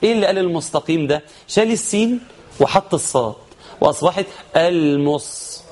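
A man with an Egyptian accent teaching Quran recitation rules, explaining quickly and then chanting verses slowly. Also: sits high, expressive, darkish tone. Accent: Egyptian Arabic. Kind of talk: tajweed lesson with chanted examples.

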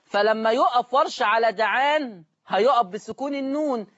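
A man with an Egyptian accent teaching Quran recitation on a call-in lesson, repeating each word slowly and stretching out the recited forms. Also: very high-pitched, fairly bright tone, dull audio. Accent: Egyptian Arabic.

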